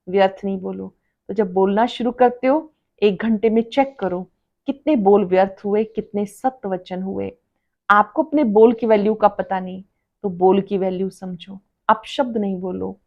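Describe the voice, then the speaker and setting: A woman gives a devotional sermon at a steady, middle pitch. She stresses her points, says key lines twice and puts rhetorical questions to her listeners. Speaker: spiritual teacher reading a class.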